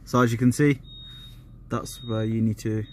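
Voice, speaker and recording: A man's voice: mid-range voice, normal speed. A young man, chatting casually in a car at a car wash and reading instructions aloud, caught on a phone. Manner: lively, reads instructions aloud. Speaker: friend of the vlogger. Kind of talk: casual chat. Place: inside a car at a drive-thru car wash. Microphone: phone camera. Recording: noisy car wash background. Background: car wash noise.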